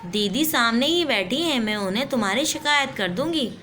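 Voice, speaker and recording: A woman's voice: on the high side, animated, normal speed, sharp tone, slight background noise. A woman voicing a bossy little girl in a doll play story who scolds and threatens to tell on her friend. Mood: annoyed.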